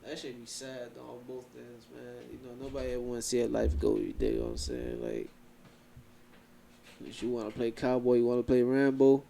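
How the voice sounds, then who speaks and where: A young man co-hosting a podcast, chatting casually in animated slang and talking over his co-host. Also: mid-range voice, a little fast, creaky. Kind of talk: casual chat.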